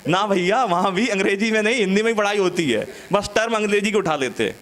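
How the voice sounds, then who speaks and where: A man's voice: high-pitched, expressive, quick pace, a bit bright. A young man from India doing a stand-up comedy set, chatty and teasing the audience, acting out school stories. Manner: chatty, teasing the audience, acts out classroom scenes.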